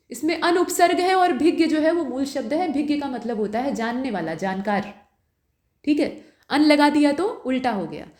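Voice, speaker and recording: A woman with a high voice works patiently through exam questions as a tutor, stopping now and then to ask the listener a question. The sound is roomy, with a clear echo around her. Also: a little mellow. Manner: patient, explanatory, asks rhetorical questions. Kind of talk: explaining test questions.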